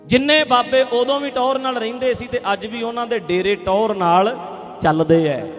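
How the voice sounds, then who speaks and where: An extremely high-pitched male preacher fills a big room with a passionate religious address, alternating between booming and quiet. His delivery is forceful, heavy on rhetorical questions.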